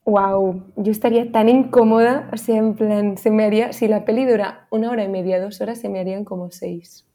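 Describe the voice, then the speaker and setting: A woman chatting on a casual podcast, enthusiastic and thinking aloud, laughing often. She rarely speaks Spanish and has a middle pitch for a woman. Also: steady tone, fairly quick, dark tone. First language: not Spanish-dominant, rarely speaks Spanish. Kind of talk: casual chat.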